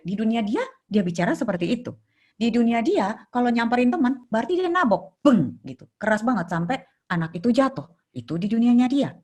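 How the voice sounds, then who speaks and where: A woman's voice: fairly high pitch, big pitch swings, fairly quick, darkish tone. A middle-aged woman, a child therapist, telling stories in a casual interview and acting out scenes with sound effects.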